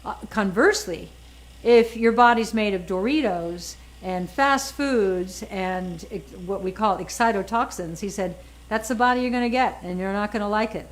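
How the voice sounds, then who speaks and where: A guest author, a woman in her sixties, chats casually with a mid-range voice at a moderate pace, captured in poor audio. She makes her points emphatically, often repeating words.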